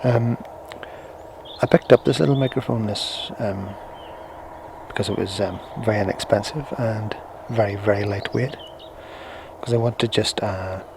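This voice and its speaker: A man's voice: fairly even intonation, measured pace. A man giving a casual, hesitant product demonstration, thinking aloud as he reviews gear. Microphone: small on-camera shotgun microphone via recorder into camera. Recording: noisy on-camera mic, low rumble.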